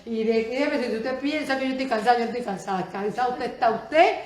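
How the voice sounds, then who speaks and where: A woman preacher gives a sermon in Spanish, shifting between soft asides and loud exclamations and putting many questions to her audience. Her voice is a little high and quick, in an echoey room.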